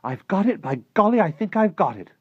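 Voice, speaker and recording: A man voicing a feisty, indignant, excitable young girl who argues insistently in a children's storybook. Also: high-pitched, unhurried, slightly rough, dry recording, muffled recording, pitched above the performer's own voice, exaggerated voice. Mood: excited. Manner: insistent, exclamatory, argumentative. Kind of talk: animated children's storybook character reading.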